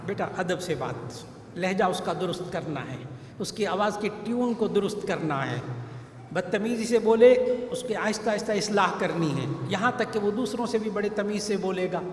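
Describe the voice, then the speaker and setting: A male preacher with a fairly high voice tells an anecdote in an earnest sermon, going back over his main points to drive them home. He is recorded in a roomy hall with a long echo, and faint noise sits underneath. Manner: earnest storytelling, repeats key phrases for emphasis. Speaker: Islamic scholar and preacher.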